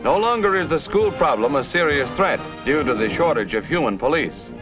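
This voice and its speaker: An American man narrates a 1950s newsreel in a jaunty, emphatic announcer style full of puns, his voice on the high side, expressive and fairly quick. The vintage soundtrack sounds dull, with loud music playing behind him.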